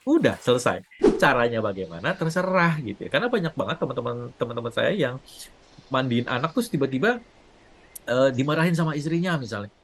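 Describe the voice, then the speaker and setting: A parenting coach talks casually to camera, animated and fast, in a medium-pitched voice. He acts out quoted wives with a raised voice. There's slight background noise.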